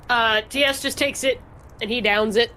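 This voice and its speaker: A woman's voice: a little high, bright, forceful tone. A woman narrating as game master of a tabletop game, loose and profane, laughing often.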